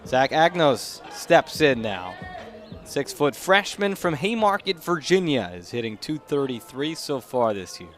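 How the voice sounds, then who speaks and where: Calling live play-by-play at an outdoor ballpark, this young announcer has a mid-range voice with big pitch swings and a measured pace. Faint music sits behind him amid the noisy ballpark ambience.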